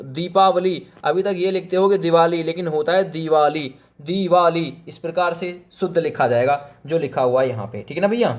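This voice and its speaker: A man teaching Hindi spelling for exam preparation, repeatedly telling viewers to pause the video and look carefully. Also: sits high. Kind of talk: exam-prep spelling lesson.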